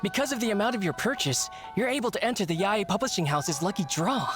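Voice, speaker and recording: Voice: mid-range voice, expressive, fast, over music, lightly acted. An actor voicing a courteous female bookstore clerk in a video game, with a polite, upbeat customer-service manner. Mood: polite, inviting.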